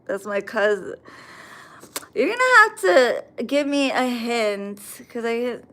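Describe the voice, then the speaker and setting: A slightly high, somewhat bright female voice, very animated and slow-paced, belongs to an American livestreamer. She chats bluntly as she reads out viewers' comments and responds with lots of cursing.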